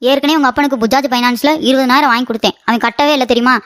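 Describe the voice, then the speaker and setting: A woman voicing a sharp-tongued older mother-in-law in an animated story, scolding in rapid bursts and grumbling about aching knees. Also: high-pitched, no room sound, studio quality. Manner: rapid scolding, complains of knee pain.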